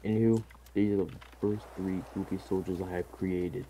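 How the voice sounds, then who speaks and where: A young man making wry, deadpan remarks while gaming with friends. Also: low voice, normal speed, a little hiss or hum. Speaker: friend on stream. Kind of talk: casual gameplay chat.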